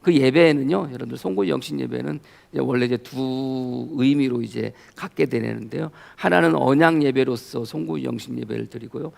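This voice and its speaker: A middle-aged male pastor giving a sermon, telling a story and growing animated as he retells it. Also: medium pitch, moderate pace, gravelly, hardly any pauses. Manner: storytelling, grows animated and loud when retelling.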